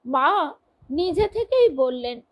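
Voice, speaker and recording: A woman reading devotional stories aloud and commenting on them in a measured, earnest way. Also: sits high, sing-song, dull audio. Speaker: reader of devotional texts.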